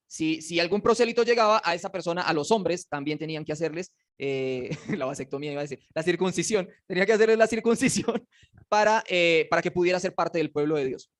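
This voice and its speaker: A man teaching a casual Bible class, animated and joking, and putting questions to his students. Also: high voice. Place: classroom with slides.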